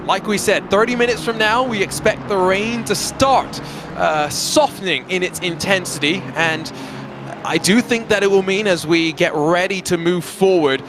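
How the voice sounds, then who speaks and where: A man giving live commentary on a racing event as part of a broadcast team. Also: high-pitched. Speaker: motorsport commentator.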